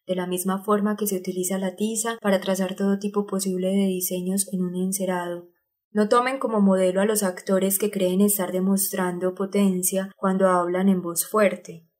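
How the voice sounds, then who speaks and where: This is an exacting older male acting teacher, read by a woman narrating an audiobook. He speaks at a middling pitch and lays out each lesson step by step. His manner stays didactic and instructive throughout. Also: darkish tone, close to an everyday voice. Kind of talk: audiobook reading of a character.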